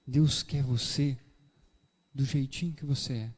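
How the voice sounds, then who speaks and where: A man preaching a sermon with a Brazilian Portuguese accent, animated, acting out dialogues in shifting voices. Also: medium pitch, unhurried, slightly rough. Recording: reverberant church hall.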